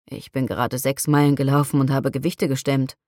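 A woman's voice: rumbling low, little pitch movement, a little fast, a little mellow, dry recording, clean studio sound, voice pushed down. A woman reading an audiobook, voicing a young male athlete who answers in short, guarded, clipped lines. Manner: curt, clipped replies.

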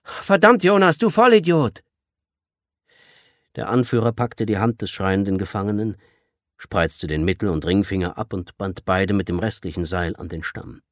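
A man narrating a tense audiobook with expressive storytelling. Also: sits low, normal speed, dry recording, clean studio sound. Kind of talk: audiobook reading.

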